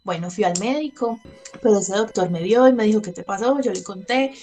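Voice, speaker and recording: A woman's voice: mid-range voice, brisk, dark tone, faint music behind. Candid Colombian woman in her thirties. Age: 30s. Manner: candid, laughs between sentences, acts out her own past words. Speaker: interviewee. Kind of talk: personal testimony in conversation.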